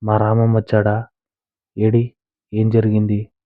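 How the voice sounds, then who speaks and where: A man's voice: on the low side, completely flat delivery, slow, dry recording. A man reading a story voices a grief-stricken older mother who wails and laments, recorded on a tinny, dry line. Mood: anxious. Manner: wailing, lamenting.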